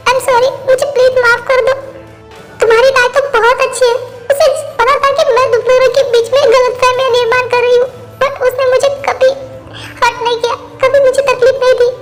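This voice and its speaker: A woman's voice: extremely high pitch, flat delivery, fairly quick, soft background music. A woman voicing a remorseful young woman who pleads through tears in a fan-dubbed drama. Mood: pleading. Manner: pleading, apologetic. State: crying. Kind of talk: Hindi fan-dub voice acting.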